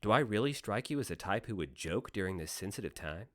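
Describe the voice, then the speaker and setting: A man's voice: on the low side, expressive, fast, a bit bright, no room sound, studio quality. Man playing a glib, sardonic Satan. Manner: glib, casual, mock-sympathetic. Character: breezy, sardonic Satan in human guise. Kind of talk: modern audio drama acting.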